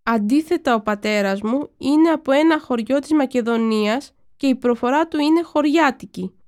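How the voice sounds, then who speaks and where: A woman's voice: sits high, darkish tone. A woman reading the replies in a language lesson dialogue.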